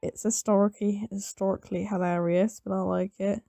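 A woman who has just woken up, with a slightly raspy morning voice, giving casual commentary while playing a game. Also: mid-range voice, flat delivery, a little fast, warm tone, no room sound. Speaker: gamer narrating gameplay.

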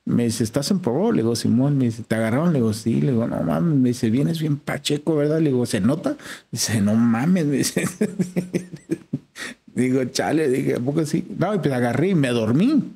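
Mellow-voiced Mexican man telling stories. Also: mid-range voice, animated, moderate pace, vocal fry, breathy edge. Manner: slangy, acts out quoted dialogue. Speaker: guest. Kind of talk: casual storytelling.

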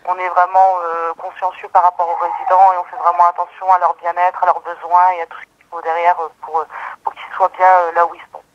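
A man's voice: high-pitched, completely flat delivery, fairly quick, no room sound. A man on the staff of a retirement home, heard over a telephone line, answering a caller hesitantly with many filler sounds and reassuring words. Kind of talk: phone call with a caller. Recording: dull, muffled phone line.

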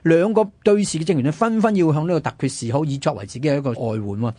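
In a radio studio, a male host with a Hong Kong Cantonese accent recounts history in a conversational, animated way, often using rhetorical questions. His voice is on the high side, he talks fast, and there is no room sound.

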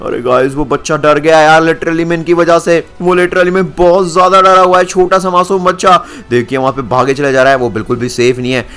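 A man's voice: on the high side, level tone, fairly quick, few pauses, fairly bright tone, smooth. A man narrating a game video as a channel host, chatting to his viewers. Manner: chatty, addresses viewers as guys.

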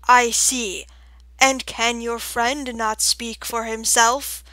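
Storybook owl, played by a woman: grave, imposing, formal, round-toned, very deliberate and forceful. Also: little pitch movement, no echo. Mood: suspicious, imperious. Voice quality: deep, round, sonorous. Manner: slow, formal, weighty delivery. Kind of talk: audiobook character voice.

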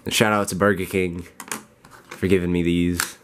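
A young man with a raspy, just-woken-up voice, rambling casually as a vlogger showing off his games. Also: sits low, level tone, normal speed, fairly bright tone, a little hiss or hum. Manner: rambling, loose, lots of "like". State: just woke up, groggy. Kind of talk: casual unboxing chat.

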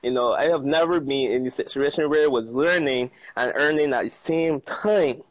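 This guest, a Barbadian-accented trader and chef in his thirties, chats casually over a video call from a sunny patio, laughing a lot and repeating words for emphasis. His mid-range voice moves at a normal speed. He uses an earphone mic, and the audio is slightly muffled and dry, with no echo.

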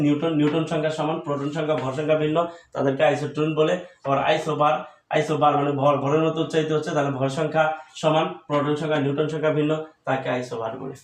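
A man with a Bangladeshi Bengali accent teaching a school chemistry lesson at a board, slowly repeating definitions to drill them. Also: a little high. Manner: slow, repetitive, drilling definitions. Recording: echoey room.

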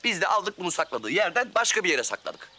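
A man's voice: sits high, very animated. An actor playing a man who rattles off an explanation in a TV comedy drama. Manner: rapid, explaining tone.

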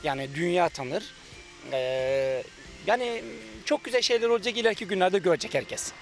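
Standing under trees near a beach, a middle-aged cafe manager from Turkey talks on camera into a handheld reporter mic. His voice sits high and sounds animated, soft music plays in the background, and he hesitates with many drawn-out fillers while making confident claims.

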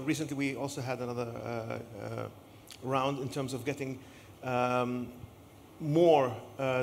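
A man's voice: medium pitch, creaky, a little hiss or hum. A man speaking as a panelist at a live discussion, hesitant, restarting words and using many filler sounds.

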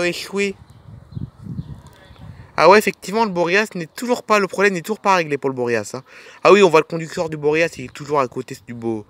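A man's voice: on the high side, a bit bright, no echo. A man narrating a playful toy film as a dad, pointing things out to the kids with enthusiasm.

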